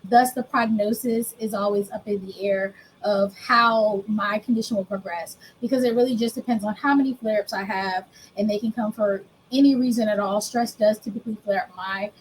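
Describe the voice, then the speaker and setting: A woman's voice: medium pitch, steady tone, moderate pace, few pauses, a little hiss or hum, poor audio. Candid woman in her thirties. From United States. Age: 30s. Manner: candid, explains plainly, laughs at herself. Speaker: guest. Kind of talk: candid personal story in interview.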